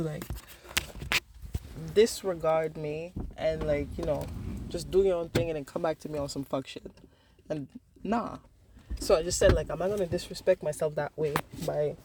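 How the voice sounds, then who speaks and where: A woman's voice: lowish voice, background noise. Frank, profane woman telling a personal story. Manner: frank and profane, with lots of fillers, restarts and bursts of laughter. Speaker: vlogger.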